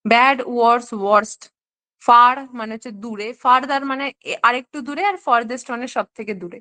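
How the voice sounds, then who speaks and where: A woman's voice: on the high side, steady tone, a little fast, sharp tone. A woman teaching an online exam-prep lesson. She explains step by step and keeps checking in with her students.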